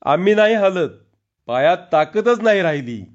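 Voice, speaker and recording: Male reader as a defiant rustic carpenter: raised, louder, higher voice, lo-fi. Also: sing-song, moderate pace. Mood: defiant, angry. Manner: defiant, shouting. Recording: dull lo-fi recording.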